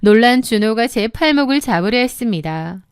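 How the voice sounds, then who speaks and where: Clear, dry-voiced woman storyteller. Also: fairly high pitch, animated, fairly quick, dry recording. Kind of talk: scripted first-person story narration.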